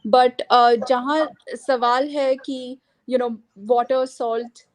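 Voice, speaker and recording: A woman's voice: fairly high pitch, steady tone, very slow. A woman from India with a mixed Indian and American English accent, a guest explaining her views thoughtfully while mixing Hindi and English. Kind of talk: casual discussion, Hindi-English mix.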